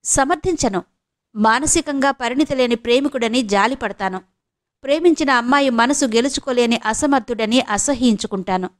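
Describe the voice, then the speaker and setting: A woman's voice: a little high, moderate pace, close to an everyday voice. A woman voicing a blunt, scolding friend. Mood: lecturing. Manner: firm, cutting, lecturing.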